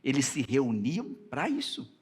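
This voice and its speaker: A man with a Brazilian Portuguese accent preaching a sermon as pastor, slowing to stretch out scripture readings and climbing to loud, high passages when he quotes God and Moses. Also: huge pitch swings, slightly rough.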